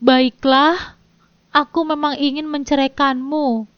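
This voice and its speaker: Woman reading a guilty husband who stammers, high pitched, lo-fi audio. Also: fairly even intonation, takes it slowly, dry recording. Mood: hesitant. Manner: hesitant, stammering. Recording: dull dry lo-fi recording.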